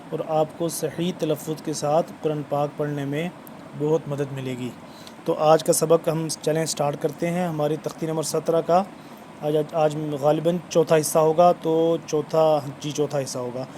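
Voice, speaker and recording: A man with a somewhat high-pitched voice gives an online Quran reading lesson. He addresses his viewers formally and repeats words and phrases as he explains letters. Faint background noise and the odd passing vehicle can be heard. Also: flat delivery, dark tone. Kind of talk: online lesson, teaching recitation.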